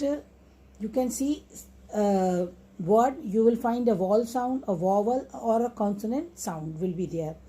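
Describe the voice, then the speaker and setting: A woman teaching English spelling, speaking slowly and deliberately and drawing words out syllable by syllable. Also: fairly high pitch, dark tone, breathy edge, rough recording. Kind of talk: explanatory lesson.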